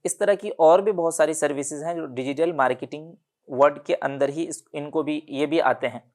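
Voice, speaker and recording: A man explaining a casual online tutorial, unhurried, often pausing with "uh" and correcting himself as he reads from his notes. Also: a little high, darkish tone. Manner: unhurried, many "uh" fillers and self-corrections while reading from notes. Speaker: online digital marketing instructor.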